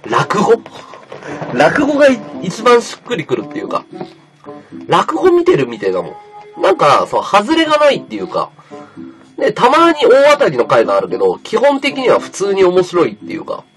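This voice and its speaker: A man streaming live, chatting casually in a rough, offhand way and answering viewers' comments aloud. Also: sits high, wildly swooping pitch, normal speed, a bit bright, faint music behind. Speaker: livestreamer. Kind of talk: casual livestream chat reading viewer comments.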